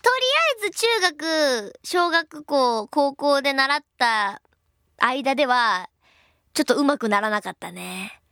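A woman's voice: high voice, measured pace, gravelly, bright, forceful tone, smooth, no echo, clean studio sound. A young woman hosting a radio show, chatting casually and reading listener mail in a bubbly, self-deprecating way. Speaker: radio host.

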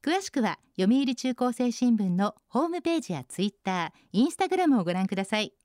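A woman hosting a radio segment, reading out listener posts and adding bright, chatty comments on each one. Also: a little high, sing-song, normal speed, no echo, studio quality. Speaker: radio host.

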